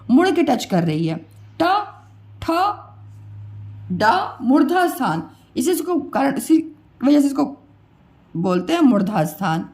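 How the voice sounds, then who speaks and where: Patient woman teacher with a high voice who drills sounds one by one at an unhurried pace. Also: mellow. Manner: patient, repeats each sound and quizzes the listener. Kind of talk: classroom lesson on pronunciation.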